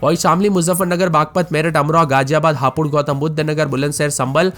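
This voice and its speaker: A man presenting a rapid-fire weather news update, reeling off items in list-like runs and addressing listeners as friends. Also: on the high side, fairly even intonation, fairly bright tone. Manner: reels off long runs of items in a list-like, repetitive delivery.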